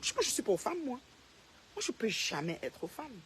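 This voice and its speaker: Talking straight to the camera, a woman who is a social media personality rants at a rival she names, hammering her points home again and again with confrontational force. Her voice sits on the high side and is a bit bright, with big pitch swings and a fairly quick pace, plus a little hiss or hum.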